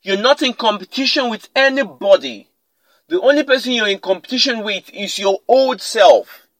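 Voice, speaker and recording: A man's voice: high-pitched, lively intonation, moderate pace, fairly bright tone, no echo, low-quality recording. A man hosting a motivational podcast, speaking emphatically and repeating his key lines for effect. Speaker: podcast host. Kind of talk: motivational talk.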